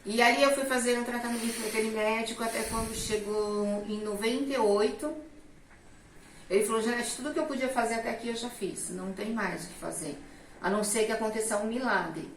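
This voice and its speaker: Middle-aged woman, animated testimony storyteller, highish voice, roomy distant mic. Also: a little fast, a little hiss or hum. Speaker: guest telling her testimony. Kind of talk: personal testimony in casual conversation.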